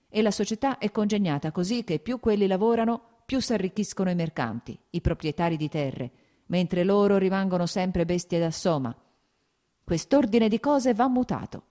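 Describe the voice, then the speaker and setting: A woman reading an audiobook, voicing an agitated, sickly radical man who declaims loudly and irritably. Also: fairly low pitch, natural voice. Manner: loud, heated, irritable declaiming.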